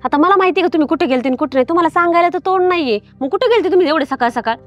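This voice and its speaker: Actress as a fast-talking, high-voiced village wife, nagging and accusing, dry close sound. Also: female voice, animated, no room sound, highs cut off, soft background music. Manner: reproachful, nagging questions. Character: hurt, accusing village wife in her prime. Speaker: suspicious wife. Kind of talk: comedy film acting.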